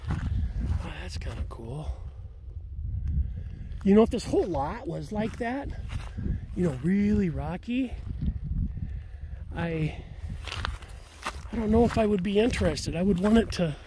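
Man talking slowly on a windy outdoor walk. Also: high voice, lively intonation. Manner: rambling, repeats words while walking. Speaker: farm owner giving a land tour. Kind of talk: casual walking tour commentary. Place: outdoors in open grassland. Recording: outdoor phone audio with wind noise.

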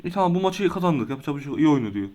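A young man with a fairly high voice talks through a match as he plays. He is quick to lose his temper, groaning and cursing at his opponent between quick remarks about his moves. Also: sing-song, darkish tone. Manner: hot-tempered, swears and groans in frustration. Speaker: gaming video creator. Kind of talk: casual live commentary while playing a game.

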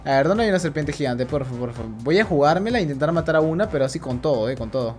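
A man talks through a game he is streaming live. He swears constantly and swings into loud, shouted outbursts. Faint music plays quietly under his voice. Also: a little high, expressive, very fast. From Peru. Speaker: gaming streamer. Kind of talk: live gameplay commentary.

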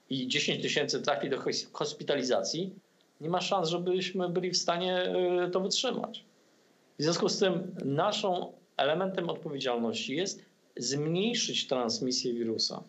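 Polish man, 50s, high-pitched, hesitant commentator on a webcam call. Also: fairly bright tone. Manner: hesitant, many fillers and restarts. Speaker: political commentator guest. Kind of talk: video-call political discussion. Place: room at home. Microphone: laptop webcam on video call.

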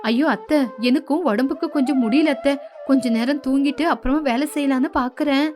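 Woman doing a put-upon young wife, patient, pleading, high voice, cartoon story. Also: brisk, darkish tone, soft background music, natural voice. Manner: pleading, reasonable. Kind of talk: animated storybook voice acting.

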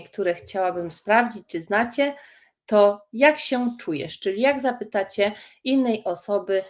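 A woman teaching English phrases in a live stream, slow and encouraging as she reads out viewers' comments. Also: mid-range voice. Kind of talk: live-streamed language lesson.

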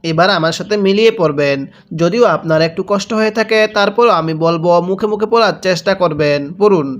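High-voiced man teaching slow recitation. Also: highs cut off. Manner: slow, drawn-out syllables with repeated prompts to read along. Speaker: Quran reading teacher. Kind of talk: spelled-out recitation lesson.

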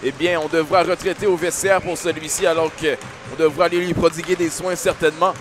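A man with a Quebec French accent doing excited sports commentary as a hockey analyst, in explanatory, wordy phrasing. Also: on the high side, brisk, faint music behind.

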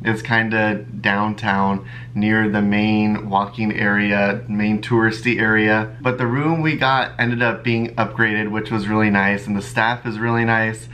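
A man's voice: lowish voice, fairly even intonation, unhurried, few pauses, fairly bright tone, slight background noise. A man of thirty, a nurse, talking casually and self-consciously while vlogging with a handheld camera, mostly outdoors, with the odd laugh. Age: 30s. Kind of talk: casual travel vlog. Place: outdoors at the beach and around town, also a hotel room. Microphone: handheld camera at arm's length. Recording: music playing underneath.

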